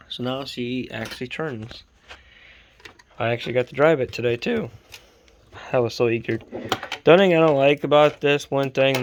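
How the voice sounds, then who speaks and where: A man in a home workshop talks through his model truck build late at night. He sounds sleepy and easygoing, rambles and corrects himself, and his voice sits at a medium pitch. A faint hiss runs behind the phone recording. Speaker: RC hobby vlogger. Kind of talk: casual build update vlog.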